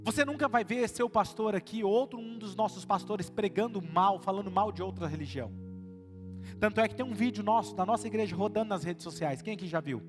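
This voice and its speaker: High-voiced Brazilian pastor preaching over music. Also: male voice, fairly quick, long reverb tail. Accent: Brazilian Portuguese. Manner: conversational preaching with direct questions to the congregation. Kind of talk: sermon. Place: church service before a live congregation. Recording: live sermon with loud music behind.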